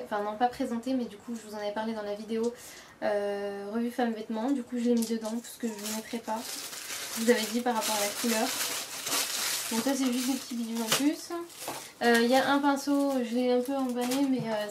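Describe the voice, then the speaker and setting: A woman's voice: a little high, background noise. A young woman, chatting casually as a beauty vlogger, with many fillers and self-corrections. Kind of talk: casual product show-and-tell.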